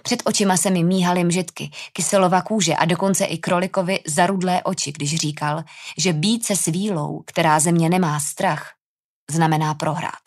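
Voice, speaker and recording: Tense low-voiced woman narrator. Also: fairly even intonation. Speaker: audiobook narrator. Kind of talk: scripted first-person fantasy narration.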